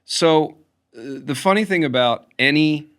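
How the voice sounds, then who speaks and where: A middle-aged man, a musician guest, telling stories in a casual interview with lively restarts. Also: a little high, a little slow, clean tone. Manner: animated storytelling with restarts.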